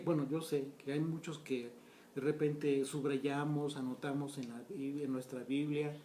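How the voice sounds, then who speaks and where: A man's voice: on the high side, mellow, echoey room, a little hiss or hum. A man teaching a verse-by-verse Bible study, reading scripture aloud and breaking off to explain it directly to his listeners.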